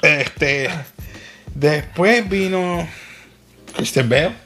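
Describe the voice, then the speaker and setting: A young man co-hosts a loose chat about films, playful and full of slang, slipping into English now and then. His voice sits a little high, and faint music plays underneath. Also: very slow, sharp tone. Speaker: co-host.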